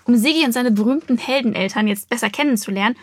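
Female host, fast talker, breathy, fairly high, dry sound. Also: dry recording. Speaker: podcast host. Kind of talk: casual interview.

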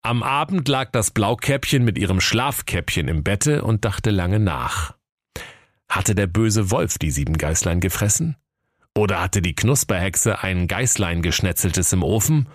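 A man's voice: low voice, animated, unhurried, no room sound. A man narrating a comic fairy tale in a dry, playful storytelling manner.

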